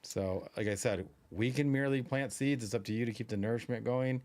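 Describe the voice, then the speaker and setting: A man's voice: medium pitch, fairly quick, a little mellow. A man co-hosting a live stream, talking in a loose, rambling, chatty way with plenty of fillers. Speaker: podcast co-host. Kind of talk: casual live-stream chat.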